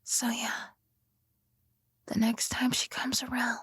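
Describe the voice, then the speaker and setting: A woman plays a possessive yandere girlfriend in an ASMR roleplay, heavily acted in a close, dry sound with no room noise. Her fairly high, breathy voice barely moves in pitch and often drops to whispers, very slow and intimate. She coaxes sweetly, yet cold, soft menace lies beneath.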